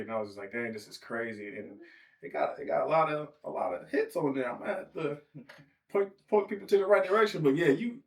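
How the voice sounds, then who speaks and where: A man hosting a podcast in a casual, playful, joking chat. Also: mid-range voice. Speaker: podcast host. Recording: distant from the mic.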